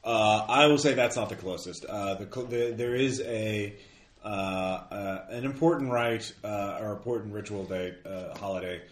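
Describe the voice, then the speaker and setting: A man running a tabletop game as game master, narrating casually in a halting, hesitant way. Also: lowish voice. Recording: echoey room, noisy, clicks.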